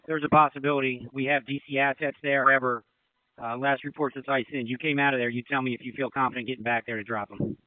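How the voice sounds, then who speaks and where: Fast, brisk man over marine radio. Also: mid-range voice, steady tone, no echo. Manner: brisk, directive, crisp radio procedure. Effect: marine radio transmission. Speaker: river branch incident commander. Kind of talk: emergency radio dispatch. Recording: narrow tinny marine radio channel.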